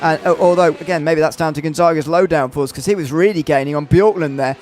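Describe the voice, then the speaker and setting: A man's voice: fairly high pitch, quick pace, a little mellow, soft background music. A man commentating on a motor race, hesitant with many fillers and restarts.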